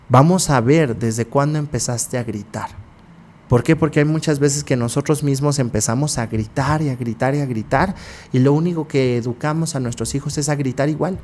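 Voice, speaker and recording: A man's voice: medium pitch, darkish tone. A man, hosting a psychology podcast and talking passionately, asking rhetorical questions and answering them himself.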